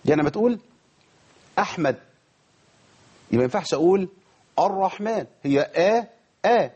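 A man with an Egyptian Arabic accent teaches Quran recitation to a class. He talks quickly in a fairly high, husky voice. He quizzes his students and models each pronunciation for them. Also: expressive, darkish tone, lo-fi sound. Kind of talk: tajweed lesson to a class.

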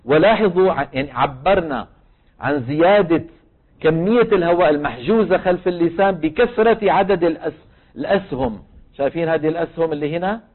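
A man with a Levantine Arabic accent teaches tajweed, explaining patiently and asking the class questions that he answers himself. His voice sits a little high for a man. The recording is thin and narrow, as if heard over a phone. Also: expressive, brisk. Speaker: Quran recitation teacher. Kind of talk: tajweed lesson.

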